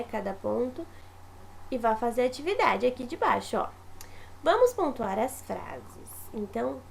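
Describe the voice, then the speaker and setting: A woman teacher, patiently walking young pupils through a remote lesson step by step with lively examples. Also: sits high, creaky, a little hiss or hum.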